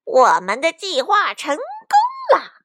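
A woman voicing a gloating male weasel bandit chief in a storybook, bossy and cackling, in a high, lively voice. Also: slow, full character voice.

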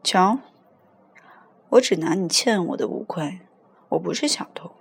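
Brief: woman voicing an offhand, cool young woman in a storybook reading, husky. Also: lowish voice, expressive, measured pace. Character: cold young woman demanding money.

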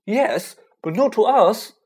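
A man voicing a quick-tempered schoolboy who talks in a raised, exasperated way. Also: high voice, animated, warm tone, slightly rough, voice pushed up.

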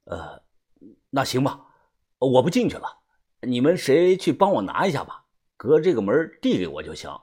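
A man's voice: medium pitch, big pitch swings, moderate pace, long pauses, a little mellow, husky. A man voicing a nervous hired guide in an audiobook, stammering and full of hesitations. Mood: anxious. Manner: stammering with many fillers.

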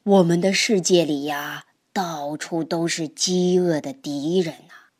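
A woman doing an old male toad, storybook grandpa, low voice, slow drawl. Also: steady tone, a little mellow. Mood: calm. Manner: slow, low, drawn-out speech.

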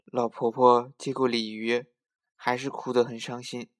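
A man reads a children's tale aloud with a bright, sing-song lilt. His voice sits at a middle pitch, and he enunciates each word clearly for young listeners. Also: little pitch movement, a little slow. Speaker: storyteller. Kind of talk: children's storytelling.

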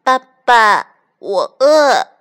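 A woman voicing a clingy, eager baby duckling for a storybook, calling out loudly and eagerly. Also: fairly high pitch, big pitch swings, drawn-out words, voice pushed up, exaggerated voice. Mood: sweet pleading.

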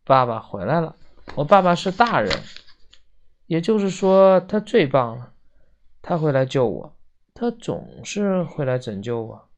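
A storyteller reading a children's book aloud slowly and expressively, doing the characters in different voices. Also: mid-range voice, big pitch swings. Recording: dull lo-fi recording.

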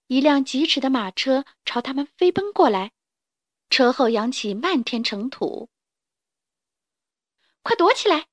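A woman storyteller narrating a children's tale in a gentle, clear reading voice. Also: sits high, normal speed, dry recording. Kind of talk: scripted narration.

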